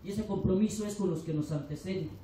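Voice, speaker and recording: Speaking fast in a dark-toned, mid-range voice, a teacher and union delegate from Chiapas, Mexico, declaims a passionate forum speech with building rhetorical lists. The Mexican Spanish accent comes through a distant mic in a large echoey lecture hall, with slight background noise.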